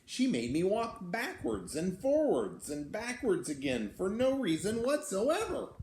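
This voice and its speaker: A man's voice: high voice, sing-song, measured pace, darkish tone, voice pushed up, full character voice. A man voicing an indignant little wild beast from a picture book, telling its tale in a theatrical, aggrieved way. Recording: roomy echo, some background noise.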